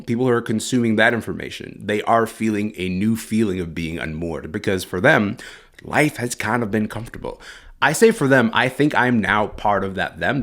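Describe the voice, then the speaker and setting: Thoughtful low-voiced man from Sudan. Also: fairly bright tone. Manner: thoughtful, reflective, with fillers like "um" and "like". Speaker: guest, culture writer. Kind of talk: interview over the phone or remote line.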